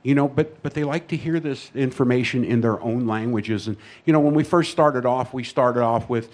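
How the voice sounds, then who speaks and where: A man with a mid-pitched voice talks as a guest on stage, eagerly telling stories and figures about his network. His delivery is casual and lively. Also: moderate pace. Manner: enthusiastic, storytelling. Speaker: guest, radio network manager. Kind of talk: casual chat before a live audience.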